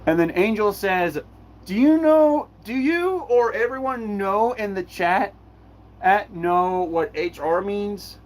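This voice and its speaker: Hosting a live Q&A stream, this animated man with a high-sitting voice reads the chat aloud and responds in a stop-and-start way, often saying the same things over.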